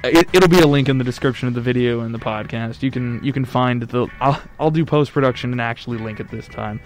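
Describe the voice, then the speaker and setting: Male podcast host, mid-pitched, dry teasing humor, casual banter. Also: fast talker, soft background music. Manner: joking, deadpan teasing. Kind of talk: casual chat.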